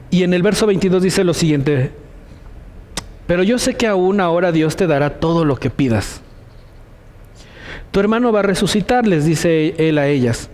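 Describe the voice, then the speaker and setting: A man's voice: on the high side, a little mellow. A man preaching a sermon in Mexican Spanish, retelling a scripture scene and dramatically voicing the characters' laments. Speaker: pastor.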